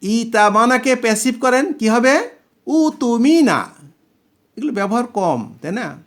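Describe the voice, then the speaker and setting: A man with a Bangladeshi Bengali accent teaching a class, slowly drawing out Arabic words and patiently checking that students follow. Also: extremely high pitch, animated, fairly bright tone. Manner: slow, drawn-out recitation of Arabic words; patient explaining with checking questions. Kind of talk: Quran grammar class lesson.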